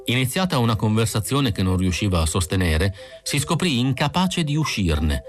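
A man reading a novel aloud as narrator in measured storytelling. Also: fairly low pitch. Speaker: audiobook narrator. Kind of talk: scripted narration.

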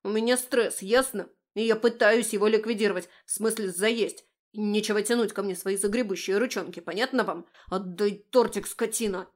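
A woman voicing a small male furry familiar, squeaky, whiny and indignant. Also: fairly even intonation, normal speed, hardly any pauses, natural voice.

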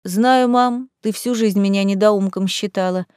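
A woman's voice: mid-range voice, fairly even intonation, unhurried, darkish tone, clean tone, dry recording, clean studio sound, close to an everyday voice. A woman voicing a blunt, earnest young man standing up to his mother in a storybook. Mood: defiant. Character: plain-spoken young man, defiant son.

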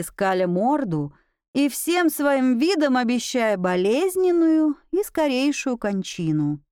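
A woman reading a first-person story aloud with expressive storytelling. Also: a little high, no room sound, studio quality. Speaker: audiobook narrator. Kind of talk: scripted first-person narration.

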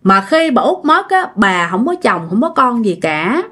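A woman's voice: fairly high pitch, big pitch swings, unhurried, a bit bright. Woman telling a ghost story. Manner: conversational, trailing "á" fillers.

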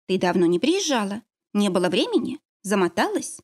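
A woman's voice: mid-range voice, sing-song, brisk, a little mellow. A woman voicing a worried, loving middle-aged mother in an audiobook, speaking in a fussing, soothing way. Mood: tender. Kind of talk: audiobook character reading.

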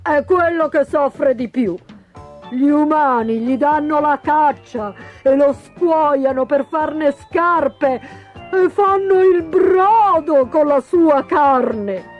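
A woman voicing a pompous pelican acting as prosecutor, speaking slowly and solemnly. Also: sits high, phone-quality sound, soft background music, voice pushed up. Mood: solemn accusing. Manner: slow, solemn and accusing.

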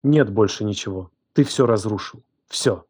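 A man voicing a distraught young woman who raised the man she now accuses, her voice trembling, shouting and hissing. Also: on the low side, normal speed, husky, dry recording, studio quality. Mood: bitter. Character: distraught furious young woman, betrayed guardian.

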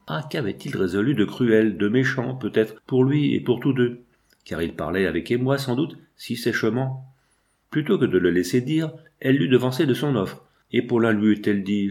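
A man reading a classic novel aloud with measured, deliberate phrasing. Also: medium pitch, creaky, darkish tone. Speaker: audiobook narrator. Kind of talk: literary audiobook reading.

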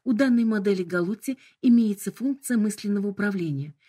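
A woman's voice: mid-range voice, fairly quick, mellow, husky, pitched above the performer's own voice, natural voice. A woman voicing a sickly sweet, politely formal female hologram assistant.

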